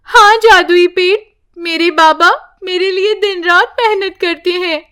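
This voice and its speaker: A woman voicing a frightened, loving little village girl in an animated bedtime story, speaking in a high, pleading voice. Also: measured pace, full character voice.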